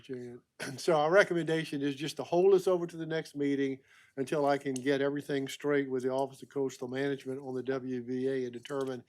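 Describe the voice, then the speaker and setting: A man presenting permit items at a public meeting, halting with many fillers and clearing his throat often. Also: medium pitch, a little mellow.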